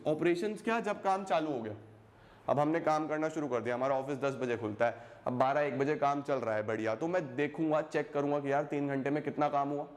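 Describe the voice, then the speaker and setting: Lively Hindi-English commerce teacher, man. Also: a little high. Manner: lively, repeats phrases and asks questions back to students; mixes Hindi with English terms. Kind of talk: classroom lecture to school students.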